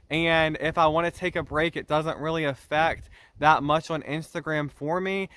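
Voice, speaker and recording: A young man talks straight to the camera about his own channel, earnest and a little defensive as he explains himself. His voice sits a bit high for a man and has a bright, forward edge. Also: no echo. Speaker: YouTube channel host. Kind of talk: direct-to-camera vlog talk.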